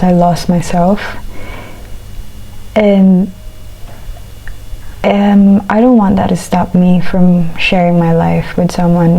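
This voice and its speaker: A woman chewing while talking, in a casual, reflective eat-with-me chat, speaking haltingly in short phrases. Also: on the low side, warm tone, rough recording. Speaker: vlogger.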